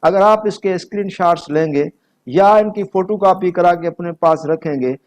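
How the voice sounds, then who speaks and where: A man with a Pakistani accent lectures on law in a high, slightly mellow voice at a moderate pace, captured in dull audio. His methodical, explanatory teaching alternates between explanation and read-out notes, and he shifts between two languages.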